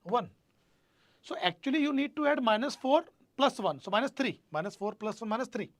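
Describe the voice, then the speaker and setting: Male online tutor, North Indian accent, high voice, dry sound; repetitive, questioning, addresses students directly. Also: lively intonation, fairly quick, dry recording. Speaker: teacher. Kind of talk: live online exam-prep lecture.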